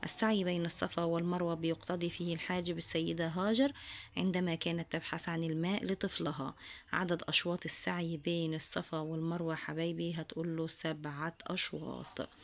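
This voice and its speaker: A woman's voice: fairly low pitch, level tone, fast talker. A woman teacher with an Egyptian accent, reading workbook answers aloud and repeating each one for her students, whom she addresses fondly. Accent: Egyptian Arabic. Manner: reads questions then answers in a dictating tone.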